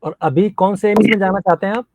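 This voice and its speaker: A man's voice: high-pitched, fast, a little mellow, a little hiss or hum. A man coaching nursing exam students, interviewing a top scorer in an earnest, encouraging, teacherly way. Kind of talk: motivational interview.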